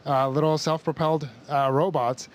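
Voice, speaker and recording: A man's voice: fairly high pitch, little pitch movement, normal speed. An American man speaking as an astronaut in a formal space-to-ground communication style. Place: inside a space station. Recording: faint noise on space-to-ground link.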